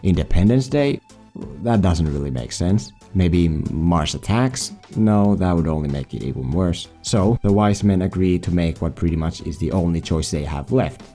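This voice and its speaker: Faint music backs a film video host, a man who isn't a native English speaker, as he reads scripted comedic voice-over full of sarcasm and mock drama. His voice is low-pitched and mellow, animated, at normal speed.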